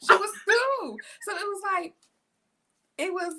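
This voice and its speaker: A woman's voice: very high-pitched, animated, a little slow. A woman in her thirties, co-hosting a podcast in casual chat, rambling through family stories and laughing as she talks. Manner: warm-hearted, rambling, laughs while talking. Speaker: podcast co-host.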